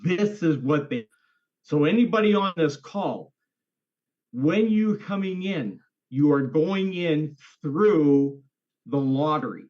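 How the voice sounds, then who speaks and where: A slow-talking man with a slightly high, slightly mellow voice and lively intonation puts eager questions to others on an online group call, repeating points for stress. The internet connection is bad and keeps breaking up, and the call audio from his computer or phone is dull and lo-fi.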